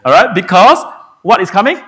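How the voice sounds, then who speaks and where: A man's voice: sits high, sing-song, a little fast, fairly bright tone. A man from Singapore, a pastor preaching a Good Friday sermon in a church and asking the congregation rhetorical questions. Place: church sanctuary.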